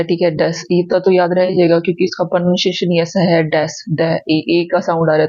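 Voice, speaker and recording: A woman's voice: on the low side, dark tone, no room sound, dull audio. A woman teacher giving a spelling lesson for exam preparation, spelling words out letter by letter and often checking that students follow. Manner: patient, repeats checks like "ठीक है?".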